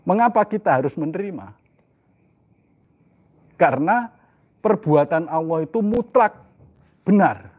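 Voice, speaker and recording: A man preaching a sermon. He asks rhetorical questions and answers them himself, swinging from loud, emphatic lines to soft, low asides.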